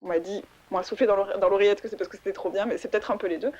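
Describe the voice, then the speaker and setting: A woman's voice: medium pitch, very fast, lo-fi sound. A young woman chatting casually about books she loved, rambling with lots of fillers and restarts. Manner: rambling, animated, many fillers and self-corrections, laughs often. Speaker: book vlogger. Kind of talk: casual chatty book review.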